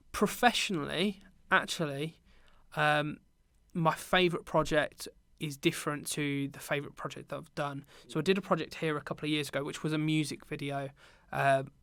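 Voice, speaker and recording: A man's voice: on the high side, clear, resonant tone, no echo. A young adult British man telling work stories in a casual podcast chat, with lots of ums. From Britain. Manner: relaxed storytelling with many ums. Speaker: podcast guest, teacher and business owner.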